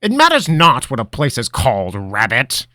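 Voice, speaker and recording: A man voicing an eccentric old male wizard master, theatrical and mischievous, with a high, booming, cackling voice. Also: wildly swooping pitch, moderate pace, sharp tone, no room sound, clean studio sound. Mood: grand, instructive. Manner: theatrical, mischievous, grand pronouncements. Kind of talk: storybook character voice.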